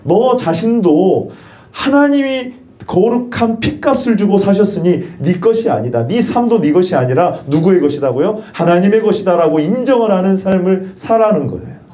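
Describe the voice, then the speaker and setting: Lively high-voiced male pastor preaching. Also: normal speed. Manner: asks questions and has the congregation repeat. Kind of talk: sermon. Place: church.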